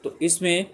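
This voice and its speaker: A high-pitched, creaky voice with a breathy edge belongs to a male teacher doing exam prep. Working through multiple-choice spelling questions one by one, he repeats the answer options and keeps checking in with "ठीक है".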